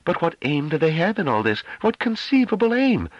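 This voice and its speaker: A man reading an audiobook, voicing a cold, contemptuous woman on a ruling council, with sharp, clipped delivery. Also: on the high side, big pitch swings, a little fast, no echo, dull audio, pitched above the performer's own voice. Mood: scornful. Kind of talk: audiobook character voice.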